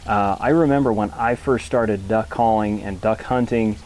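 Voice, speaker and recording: A man's voice: lowish voice, moderate pace, a little mellow, a little hiss or hum. A man giving a casual hands-on tutorial as an instructor, speaking in a plain, folksy, informal way. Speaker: instructor, duck hunter.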